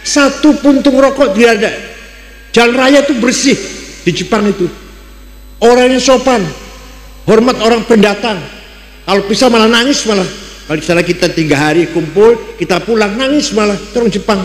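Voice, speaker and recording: Older javanese cleric, highish voice, big echoey hall, lots of rhetorical questions. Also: male voice, moderate pace. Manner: rhetorical, asks the audience questions, swings between loud exclamations and dry jokes. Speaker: Islamic cleric giving a talk. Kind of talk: religious lecture to a congregation. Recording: echoey hall with long reverb.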